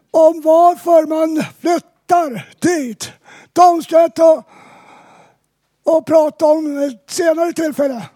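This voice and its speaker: A woman telling her own story in plain, measured sentences, then introducing the next speaker at a community event. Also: high voice, warm tone, no echo, clean studio sound. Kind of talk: personal testimony read aloud.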